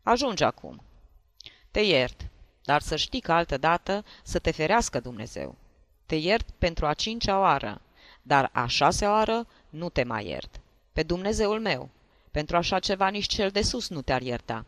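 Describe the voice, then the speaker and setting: Brief: man playing a blustering, tipsy jealous husband, raised and loud, dry close sound. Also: on the high side, sing-song, no room sound. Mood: lecturing. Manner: shouting, scolding. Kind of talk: audiobook character voice.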